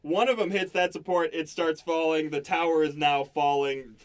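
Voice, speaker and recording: Laughing young game master. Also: male voice, a little high, steady tone, normal speed. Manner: casual, laughing often. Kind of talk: narrating a tabletop game.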